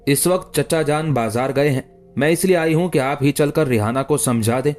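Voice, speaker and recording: A man's voice: on the high side, moderate pace, a little mellow, soft background music, lightly acted. A man reading the lines of an earnest young woman confiding a secret in an audiobook story. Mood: urgent.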